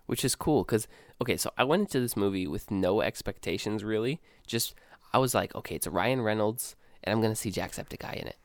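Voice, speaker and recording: A man's voice: on the low side, a little fast, hardly any pauses, no echo, clean studio sound. A young man co-hosting a podcast, chatting loosely, calling his co-host dude and often restarting his sentences. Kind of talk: casual chat.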